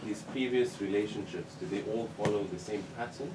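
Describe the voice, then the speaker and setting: A man in the audience asks a measured, somewhat hesitant question. His voice is very deep and heard from far off. Loud room noise and a strong echo surround him. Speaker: audience member. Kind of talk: question from the floor.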